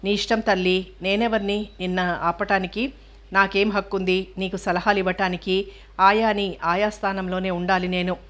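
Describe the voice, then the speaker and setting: A woman voicing a gentle older maid in an audiobook, speaking slowly and softly in a hushed voice. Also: mid-range voice, flat delivery, lightly acted. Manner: soft, slow, hushed speech. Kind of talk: audiobook character reading.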